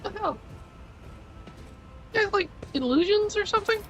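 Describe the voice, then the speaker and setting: Female gamer, high creaky voice, exasperated casual commentary over game music. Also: expressive, moderate pace, rough recording.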